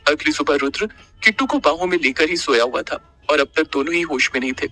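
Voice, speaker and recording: Bright-voiced man narrating an audiobook. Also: a little high, fairly quick, faint music behind. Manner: expressive storytelling.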